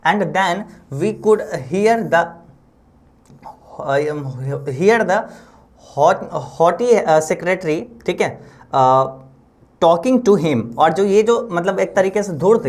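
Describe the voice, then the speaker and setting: Man explaining a lesson line by line. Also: high-pitched. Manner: repetitive, checks in often with the listener. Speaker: English teacher.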